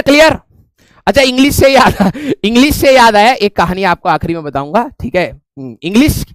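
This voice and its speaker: A man with an Indian accent teaches a physics class online, in a very high, smooth voice. The sound is dry and close, with no room echo. He talks chattily and jokes while checking in with his students. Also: a bit bright. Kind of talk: online class lecture in mixed Hindi and English.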